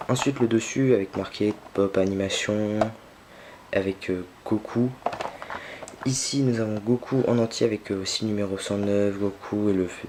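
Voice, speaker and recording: A man's voice: fairly low pitch, darkish tone, slight background noise. A young man filming an unboxing at home, talking casually and hesitantly with many fillers and restarts. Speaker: unboxing vlogger.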